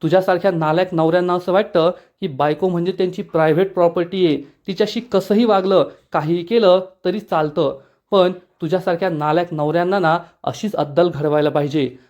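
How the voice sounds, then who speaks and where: A man's voice: high voice, steady tone, brisk, darkish tone, close to an everyday voice. A man reading the lines of a fierce young wife who angrily lectures the villain. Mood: angry lecturing. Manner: angry, lecturing. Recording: dull lo-fi recording.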